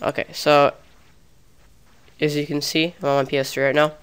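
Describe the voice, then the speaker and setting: On the high side and level in tone, this young man speaks at normal speed with a clear, resonant, slightly bright voice. He's narrating a casual, chatty screen-recorded gaming tutorial with many restarts, sounding a bit sick and off.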